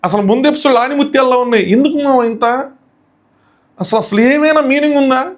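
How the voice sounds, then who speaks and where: A man hosting a casual comic review, mocking and excitable with slangy asides. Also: very high voice, brisk. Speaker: show reviewer and host.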